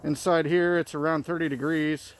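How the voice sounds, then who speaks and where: A man's voice sits on the high side, with little pitch movement and a moderate pace, as he vlogs casually from his snowy sheep ranch and from a car. He talks in a relaxed way, though a face mask muffles his words.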